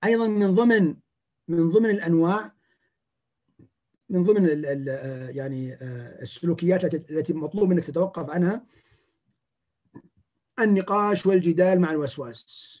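A man, a clinician giving a lecture, talking in an animated way and acting out the words of patients. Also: fairly high pitch, a little fast, pauses often, highs cut off.

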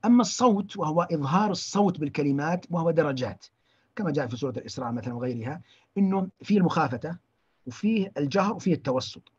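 A man giving a religious lesson, halting often and restarting his words. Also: fairly high pitch, expressive, a little mellow, breathy edge, lo-fi sound. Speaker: religious teacher.

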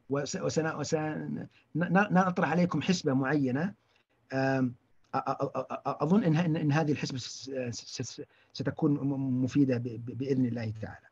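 A man giving a religious lesson, halting often and restarting his words. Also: fairly high pitch, husky, lo-fi sound. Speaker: religious teacher.

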